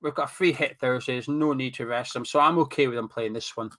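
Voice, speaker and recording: Fast and pushed, with a bright medium-pitched voice, a Scottish man runs a webcam live stream where he reads comments and talks with viewers. He has a cold that makes him sniffly and blocked up, and he jokes around and drifts off topic.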